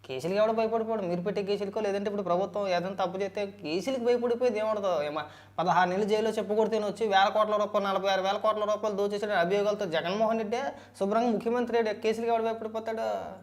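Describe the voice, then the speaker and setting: A man's voice: sits high, steady tone, very fast. A man giving political commentary, arguing back with rhetorical questions.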